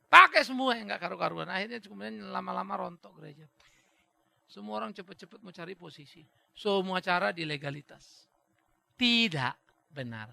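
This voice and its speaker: A man's voice: high voice, lively intonation, moderate pace, vocal fry, sharp tone, no echo. A male pastor preaching a sermon who acts out little dialogues and drops in English phrases.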